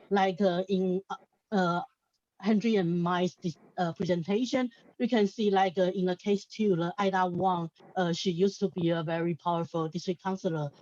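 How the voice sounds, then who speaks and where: Sitting on a symposium panel, this woman from Taiwan talks off the cuff in a Taiwanese accent, halting and repeating words as she thinks things through. Her mid-range voice has a darkish tone, and the recording is dry and muffled.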